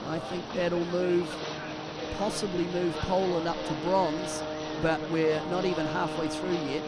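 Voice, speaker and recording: A man giving expert live commentary on a sailing race, explaining technique with frequent halting restarts. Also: high voice, little pitch movement, heavy background noise.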